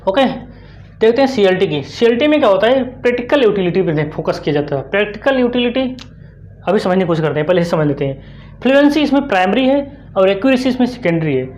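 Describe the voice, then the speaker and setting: A young woman with an Indian accent leads an online exam-prep lesson in a mid-range voice. She keeps asking the class short questions and answers them herself. The key terms come back again and again with steady stress. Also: mid-range voice, quick pace, muffled recording. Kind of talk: explanatory online lecture.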